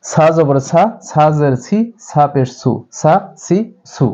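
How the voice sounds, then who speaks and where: Guy teaching a reading class, repeats every syllable slow and steady, warm kinda soft tone. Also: on the high side, lo-fi sound. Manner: slow drilled syllable chanting with repetition. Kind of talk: step-by-step recitation lesson.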